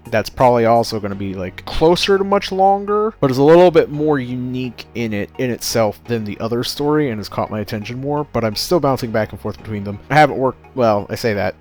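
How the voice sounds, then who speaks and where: A man talking casually in a rambling solo vlog, often correcting himself and breaking off mid-sentence. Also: fairly low pitch. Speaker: vlogger.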